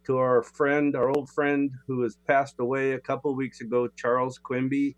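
A man's voice: medium pitch, little pitch movement, moderate pace. An older man co-hosting a casual radio show, with a tinny, boxy sound from a home studio. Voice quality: tinny, distant barrel-like sound.

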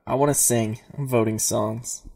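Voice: mid-range voice, steady tone, normal speed, a little mellow. A player chatting casually during a group game stream. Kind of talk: casual chat.

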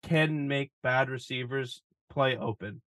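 A man's voice: medium pitch, slow pace, fairly bright tone, dry recording. A young man co-hosting a podcast, laid-back and wry in casual sports chat, swearing casually. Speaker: podcast co-host.

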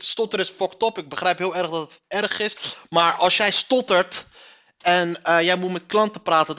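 Young adult male streamer, high and sharp-toned, crude, mocking running commentary. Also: highs cut off. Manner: crude, mocking, laughs often. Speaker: streamer reacting to a news item. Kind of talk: casual profane commentary.

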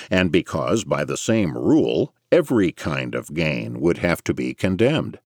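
A man's voice: deep voice, no room sound, clean studio sound. A man narrating scripted nonfiction as an audiobook reader, in a formal, scholarly lecturing manner.

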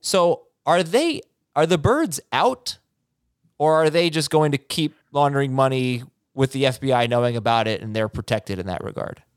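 A man's voice: medium pitch, lively intonation, normal speed, clear, resonant tone, no room sound, studio quality. A man with an American accent hosting a podcast, chatting informally and giving his opinions on a TV show. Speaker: podcast host. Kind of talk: casual chat, TV show discussion.

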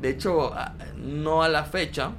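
Animated young Mexican man telling a story. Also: a little high, background noise. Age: 20s. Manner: animated, slangy, halting with many restarts. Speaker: podcast guest. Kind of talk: casual chat, personal storytelling.

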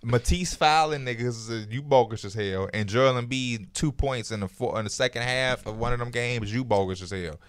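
A man hosting a casual basketball podcast, animated and cursing freely as he argues and reads off stats. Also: mid-range voice, a little fast, few pauses, smooth, no echo, studio quality. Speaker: podcast host. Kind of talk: casual sports debate.

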